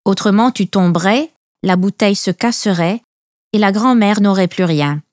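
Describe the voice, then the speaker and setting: A woman voicing a caring mother in a storybook reading, giving gentle, careful instructions. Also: mid-range voice, moderate pace, dry recording, studio quality, close to an everyday voice. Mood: instructing.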